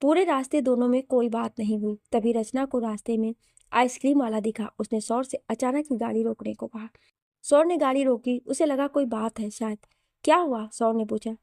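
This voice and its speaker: A woman reading a romantic story aloud as a steady, scripted narration. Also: a little high, normal speed, dry recording, studio quality.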